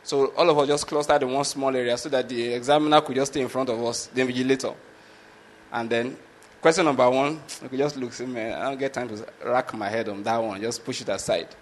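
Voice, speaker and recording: A Nigerian man, a medical lecturer whose first language is Yoruba, tells a casual story in a brisk, steady, mid-range voice with a Nigerian accent. He chuckles often and throws rhetorical questions at the listener, like "you understand my point?" There's a faint hiss or hum on the recording.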